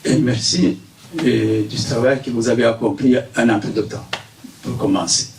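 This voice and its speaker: A man from Burundi gives unscripted remarks at a press conference, earnest but hesitant and full of fillers. His mid-range voice is fairly even in intonation, moderately paced and touched with vocal fry. A distant mic in an echoey room leaves a faint hiss.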